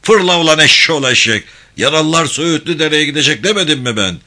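A man's voice: mid-range voice, expressive, moderate pace, sharp tone. A man voicing a hot-tempered army captain who barks orders and curses at his men. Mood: furious. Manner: barking, cursing, commanding.

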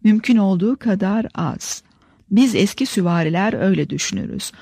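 A woman's voice: on the low side, animated, a little mellow, no room sound. A woman narrator voices a blustering old cavalry colonel in an audiobook. He presses his points hard and stretches his words. The recording is dry. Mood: emphatic. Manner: emphatic, drawn-out words. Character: forceful old cavalry colonel, table-thumping.

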